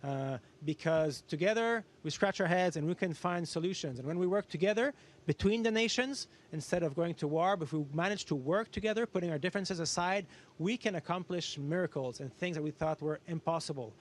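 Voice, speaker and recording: A man with a fairly high-pitched voice speaks as an astronaut fielding questions. He explains things in simple terms, reaching for everyday comparisons in an educational style. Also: fairly quick. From Canada. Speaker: astronaut guest answering students. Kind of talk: educational question-and-answer talk.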